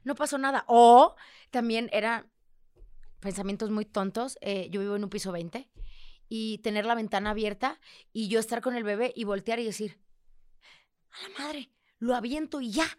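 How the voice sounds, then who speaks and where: A woman's voice: on the high side, steady tone, moderate pace, a little mellow, clear, resonant tone, dry recording, clean studio sound. A young woman with a Mexican accent, speaking frankly and emotionally as a guest in a candid conversation, swearing freely and acting out the voices she quotes.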